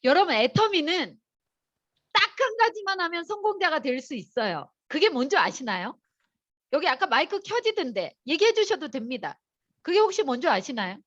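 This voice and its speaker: A woman giving a lively motivational seminar lecture to a live audience, chatty and storytelling, talking straight to the crowd. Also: sits high, moderate pace, lo-fi sound. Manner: animated, chatty storytelling, addresses the audience directly.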